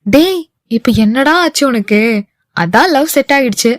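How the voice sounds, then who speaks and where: A woman's voice: sits high, expressive, a little slow, no room sound, clean studio sound. Brief: pushy young pal in an audio novel, a woman voicing him. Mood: eager. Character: young man, teasing buddy.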